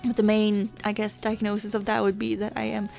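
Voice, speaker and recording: A woman's voice: mid-range voice, completely flat delivery, a little fast, creaky, darkish tone, soft background music. A woman vlogger chatting candidly in a casual confessional style, venting and swearing freely. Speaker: gaming vlogger. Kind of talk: casual confessional vlog chat.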